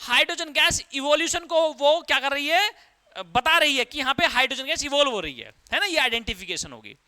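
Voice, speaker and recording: A man's voice: very high-pitched, very animated, brisk, sharp tone. A man teaching a chemistry lesson, who keeps asking his students questions, answers them himself, and addresses them as "beta". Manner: calls the listener "beta" as a teacher does. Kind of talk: classroom lesson explaining lab activities.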